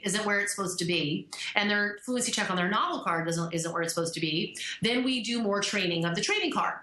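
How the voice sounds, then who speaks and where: A woman's voice: mid-range voice, sharp tone. A woman giving a lecture presentation, talking loosely with fillers and restarts. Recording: echoey lecture room.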